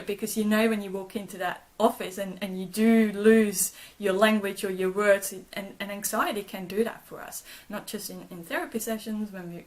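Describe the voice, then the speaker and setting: This woman, a trauma therapist with her own channel, replies to live-stream comments gently and reassuringly in a mid-range voice. Her first language is German, and she tends to restart and repeat words. The recording quality is rough.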